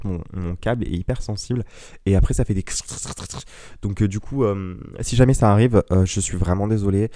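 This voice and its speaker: A young man with a lowish, mellow voice hosts his own podcast, rambling casually and alone, wandering into digressions and making fun of himself. He speaks into a ten-year-old microphone, and the sound is clean studio audio with no echo.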